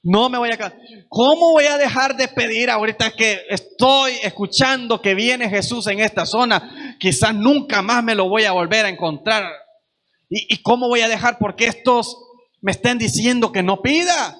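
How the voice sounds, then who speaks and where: A man's voice: high-pitched, moderate pace, sharp tone. A man voicing a blind male beggar who pleads with stubborn hope, in an impassioned first-person way. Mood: pleading, defiant.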